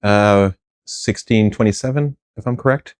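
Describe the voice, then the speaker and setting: Speaking at a moderate pace in a smooth, lowish voice, a middle-aged plant philosopher answers interview questions conversationally and at length. He sounds thoughtful, with frequent fillers, restarts, and light laughter. The sound is clean studio audio without echo.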